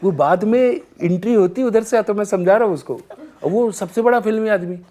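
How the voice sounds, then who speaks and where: A male singer, a guest on a talk show, telling anecdotes in an animated way and often laughing as he goes. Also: high-pitched, a little fast. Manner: lively storyteller, acts out scenes and laughs often.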